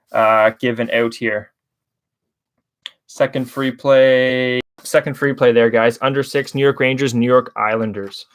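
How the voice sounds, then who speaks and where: A man's voice: medium pitch, no room sound. Young man, chatty betting show host, dry close sound. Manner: chatty, rambling, addresses chat viewers as guys. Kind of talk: casual hockey betting breakdown livestream.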